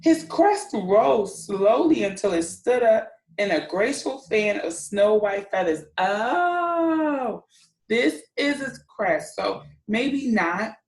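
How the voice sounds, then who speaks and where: A woman with a slightly mellow, higher voice reads slowly with big pitch swings. As a children's read-aloud host and teacher, she runs a storytime, explaining words simply and encouragingly for young listeners. The room is echoey.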